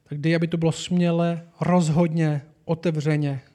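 Male preacher, high voice, earnest sermon delivery that builds to animated emphasis.

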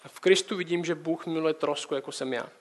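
Young guy with a high voice doing a chill sermon, keeps asking the listener questions. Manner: conversational, direct address with rhetorical questions. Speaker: preacher.

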